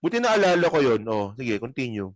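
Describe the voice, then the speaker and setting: A man's voice: mid-range voice, big pitch swings, brisk, dry recording. A man hosting casual political commentary, reacting to clips in a sarcastic, profane way.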